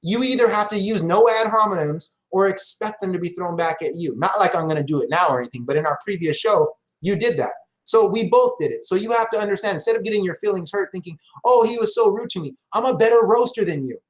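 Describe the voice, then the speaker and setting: Brief: man in his forties, high-pitched, combative debater, boastful, keeps calling people brother. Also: fast talker, hardly any pauses, low-quality recording. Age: 40s. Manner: combative, boastful, repeatedly calls others brother. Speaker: debate guest. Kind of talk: heated online debate.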